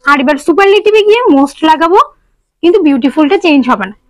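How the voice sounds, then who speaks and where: High-voiced woman teaching grammar. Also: animated, quick pace, no room sound, low-quality recording. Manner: explains step by step, asks students questions; mixes English terms into speech. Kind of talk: online grammar lesson.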